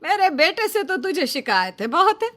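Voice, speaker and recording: A woman voicing a bossy older mother-in-law in a cartoon story, taunting and sharp. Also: very high voice, sing-song, normal speed, heavily acted. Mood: scolding.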